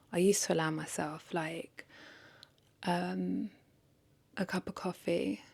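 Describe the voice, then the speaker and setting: In an unscripted vlog, a content creator thinks aloud, rambling casually and fixing her own words along the way. She has a lowish, creaky voice that is slightly mellow and a bit breathy.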